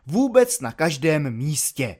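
A man voicing an earnest, courteous simple soldier who explains himself at length in a calm, formal manner, in an audiobook reading. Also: on the high side.

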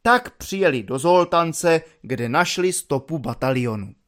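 A man narrating an audiobook in an expressive, ironic storytelling manner. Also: fairly high pitch.

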